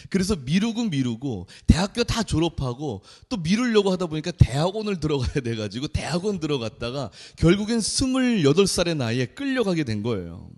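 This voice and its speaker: Man, 30s, sermon, high voice, very lively pitch, long church reverb. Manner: animated storyteller, acts out quoted voices. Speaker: junior pastor. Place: church sanctuary.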